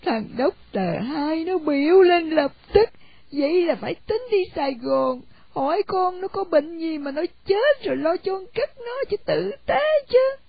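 A woman's voice: extremely high pitch, lively intonation, a little slow, vocal fry, no echo, pitched above the performer's own voice, exaggerated voice. A woman voicing an anxious older mother, pleading insistently through tears. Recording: dull lo-fi, dry sound.

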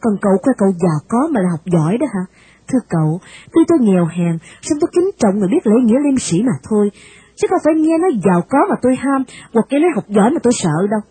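A woman's voice: medium pitch, very animated, fast talker, mellow, husky. A woman voicing a poor, proud young woman who answers firmly and formally with indignation.

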